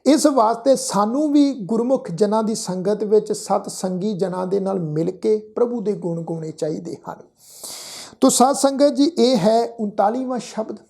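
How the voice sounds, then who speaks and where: A woman from Punjab, India, teaching how to pronounce scripture. She recites line by line in a slow, measured way and spells out each sound with care. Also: mid-range voice, creaky, dark tone. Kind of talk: religious pronunciation lesson.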